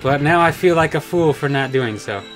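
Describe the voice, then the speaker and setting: A man's voice: fairly high pitch, expressive, moderate pace, fairly bright tone, faint music behind. Teasing young man chatting over a game. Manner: teasing, playful. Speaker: let's play commentator. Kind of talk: casual joking chat over gameplay.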